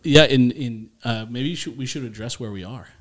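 A man's voice: mid-range voice, a little fast, a bit bright. A man co-hosting a podcast in casual chat, agreeable and chiming in briefly. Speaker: podcast co-host.

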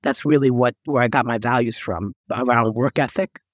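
A man's voice: mid-range voice, normal speed, no echo, studio quality. A middle-aged man from New York, a guest on an interview, telling his story in an earnest, reflective way. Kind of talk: interview conversation.

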